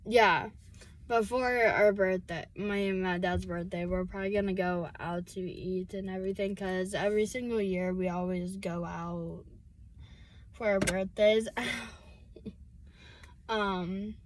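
A woman's voice: medium pitch, fairly even intonation, unhurried. A seventeen-year-old girl vlogging while driving, rambling and hesitant with lots of fillers and restarts. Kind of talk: casual chat while driving. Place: inside a car.

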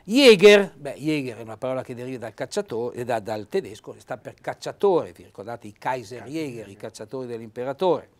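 A man's voice: mid-range voice, brisk, hardly any pauses, dark tone. A man in his sixties with a Trentino accent, reading out Italian dialect phrases and explaining them as an informal lesson in a studio. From Trentino, Italy. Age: 60s. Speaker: host and dialect teacher. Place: small TV studio. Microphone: lapel mic.

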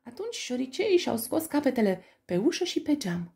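A woman reading a children's story aloud, in an expressive, animated storytelling manner. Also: high-pitched, gravelly.

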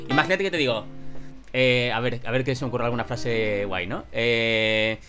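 A young man of middle pitch, explaining guitar technique in a relaxed, chatty way and often laughing. Faint guitar playing sits under his voice. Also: moderate pace. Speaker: co-host and guitar teacher. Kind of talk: casual chat about guitar.

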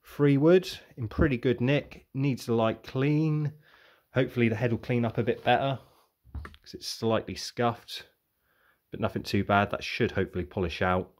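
A young vlogger shows off his car boot sale finds in a casual show-and-tell. His mid-range voice moves at a normal speed as he rambles and thinks aloud about his bargains.

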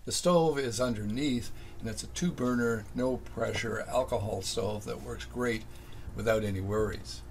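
Older man, halting boat tour. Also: medium pitch, gravelly, a little hiss or hum. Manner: unhurried, halting with many fillers. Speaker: boat owner giving a tour. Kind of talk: casual narrated boat tour. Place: small sailboat cabin, then home office.

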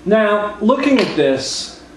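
A hungover young man gives a casual whiteboard lecture in a deadpan, slightly awkward manner. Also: sits high, takes it slowly. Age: young adult. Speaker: calculus lecturer. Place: living room at home, indoors. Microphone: camera mic from a few feet away. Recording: roomy, distant mic, faint noise.

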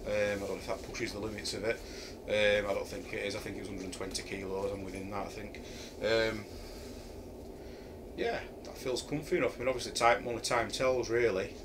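Fairly low-pitched and steady, a middle-aged Yorkshire man talks a little fast while casually reviewing a camping chair in his home kitchen. He hesitates with lots of ums, and a camera a few feet away captures a noisy background.

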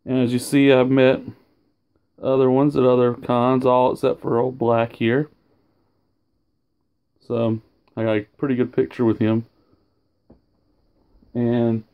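Smooth and dark in tone, this man's medium-pitched voice carries a rambling show-and-tell of his autograph collection. Filmed casually at home over a sofa, he keeps losing his train of thought and correcting himself.

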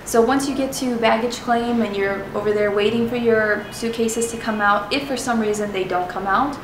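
A young woman who grew up speaking Spanish teaches travel phrases in a relaxed talk to camera, joking about herself and frequently using ums and restarting. Her voice sits on the high side at a normal speed. It's captured far from the mic, with reverberation and background noise.

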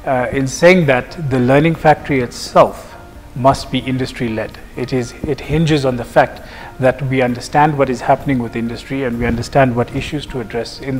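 A man in his thirties, originally from South Africa, answers interview questions at a middle pitch, working through examples and pausing on fillers. The room carries a long hall reverb. Faint music plays underneath. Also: darkish tone. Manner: measured, explains with examples, frequent fillers. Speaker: project manager being interviewed. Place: office lounge, seated on a sofa.

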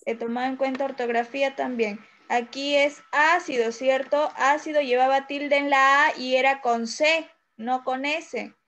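Her high-pitched, fairly bright voice keeps a fairly even intonation as she moves unhurriedly, with hardly any pauses. She's a Peruvian Spanish-accented primary teacher patiently going over an exam with small children online, checking in frequently. It's recorded through a video call.

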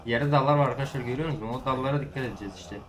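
A young man in his late teens giving excitable, swearing let's-play commentary and talking straight to his viewers. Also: mid-range voice, rapid-fire, a crowd in the background. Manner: excitable, swears, shouts at the game; chatty, talks to his viewers. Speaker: gaming YouTuber. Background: game music.

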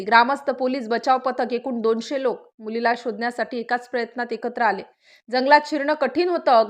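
A woman narrating a scripted news story in a suspenseful, dramatic style with short clipped phrases. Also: high-pitched.

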